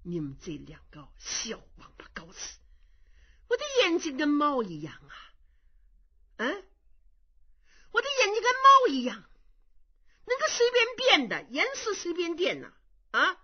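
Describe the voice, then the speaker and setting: A woman storyteller voicing a scheming old man who poses as a monk elder, blustering and swearing in a deep growl. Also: wildly swooping pitch, a little slow, long pauses, husky, exaggerated voice. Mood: threatening. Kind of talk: traditional Chinese storytelling. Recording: dull lo-fi recording.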